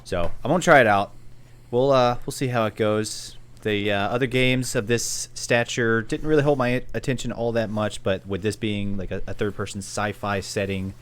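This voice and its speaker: Low-voiced laid-back podcast man. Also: steady tone, moderate pace. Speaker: podcast co-host. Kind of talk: casual chat.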